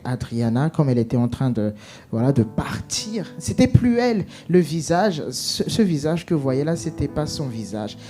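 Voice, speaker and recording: A man giving an emotional personal testimony, halting with many restarts and fillers, acting out what was said. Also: fairly high pitch.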